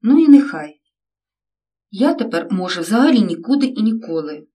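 A woman's voice: mid-range voice, big pitch swings, normal speed, dark tone, slightly rough. A woman reading out the lines of a defiant teenage son, indignant and stubborn with his parents.

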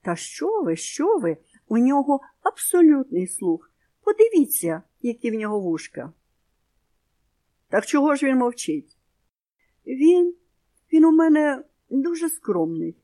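Lady putting on a squeaky flustered mama hare, storybook voice way up high, lively. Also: unhurried. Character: fussy anxious mother hare.

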